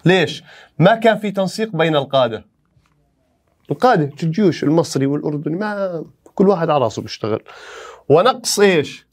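A man teaching a history exam review, animated and playful, firing rhetorical questions at students. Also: on the high side, fast, pauses often.

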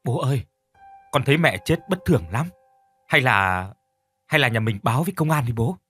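A grieving young woman, as a male narrator puts her on, pleads through sobs, her voice swinging up and down. The voice sits mid-range in pitch and has a faint bed of music behind it. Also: expressive, normal speed, a bit bright, slightly rough. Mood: pleading.

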